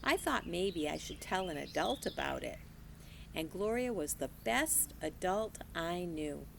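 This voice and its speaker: Woman teacher, read-aloud narrator, unhurried, animated delivery. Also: on the low side, gravelly, slight background noise. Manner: slow, expressive storytelling. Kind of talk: reading a children's novel aloud.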